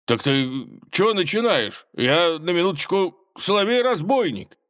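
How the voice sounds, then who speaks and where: A man voicing a boastful, toothless old male forest robber in a storybook, squeaky and quick to take offense. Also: lively intonation, close to an everyday voice. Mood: indignant. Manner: squeaky, petulant, easily offended. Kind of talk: storybook character voice.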